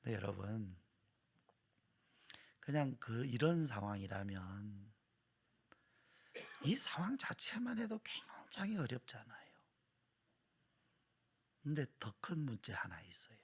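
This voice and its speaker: Dramatic pastor dropping to whispers. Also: male voice, mid-range voice, very animated, slow pace, pauses often, breathy edge. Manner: dramatic, swings from loud emphasis to hushed whispers. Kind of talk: sermon. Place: church service.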